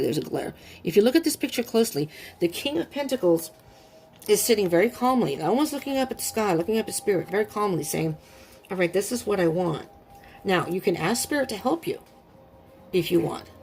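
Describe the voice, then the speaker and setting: A woman's voice: mid-range voice, sing-song, fast talker, darkish tone, a little hiss or hum. A woman giving a casual tarot reading at home, chatty and often checking in with her listeners. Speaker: tarot reader.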